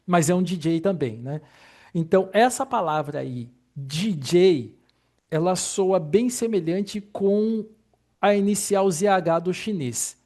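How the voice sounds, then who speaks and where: A man's voice: high-pitched, measured pace, dark tone. A man teaching Mandarin pronunciation in an online lesson, patiently explaining and repeating each sound.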